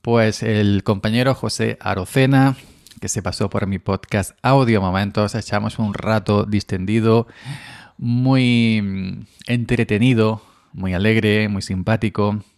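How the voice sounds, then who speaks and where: A man's voice: lowish voice, steady tone, a little slow, gravelly, darkish tone, no echo, studio quality. A man from Andalusia, a podcaster, talking in a casual, rambling monologue with frequent restarts and chuckles.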